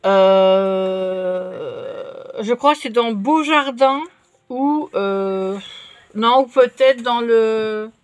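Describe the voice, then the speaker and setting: A woman chatting casually while she crafts at her table, relaxed and full of fillers. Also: a little high, drawn-out words, clear, resonant tone, dry recording. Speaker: craft vlogger.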